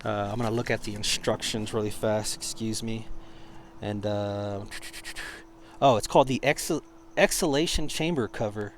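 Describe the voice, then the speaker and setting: Casual, halting man over noisy background. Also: lowish voice. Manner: halting, informal, searching for words. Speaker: product reviewer. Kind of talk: casual hands-on product demonstration.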